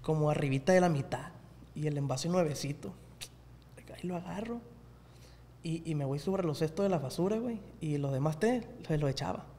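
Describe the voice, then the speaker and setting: A man's voice: a little high, a little fast, in a large hall, slight background noise. A man, a guest on a casual podcast, telling slangy stories with energy. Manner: slangy, animated storyteller.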